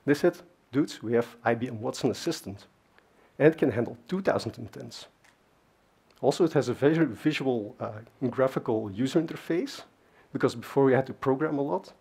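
On a large, dark conference stage, a man whose first language is Dutch delivers a relaxed technical talk packed with fillers and asides. His mid-range voice is creaky, husky and a little mellow, and he talks a little fast.

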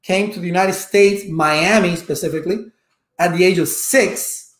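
His voice sits high at a moderate pace, with reverberation around it. The speaker, a Cuban man in his fifties whose native tongue is Spanish, educates on network engineering and animatedly chats with livestream viewers from his home office webcam, gesturing and asking rhetorical questions.

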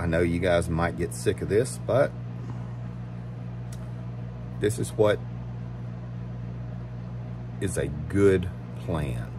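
A man's voice: deep voice, noisy background. A middle-aged man hosting a homestead vlog, chatting casually and rambling through self-corrections in a basement pantry, filmed on a handheld phone. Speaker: homestead vlogger. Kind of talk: casual chat. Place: large basement pantry with storage shelves. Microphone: phone camera held at arm's length.

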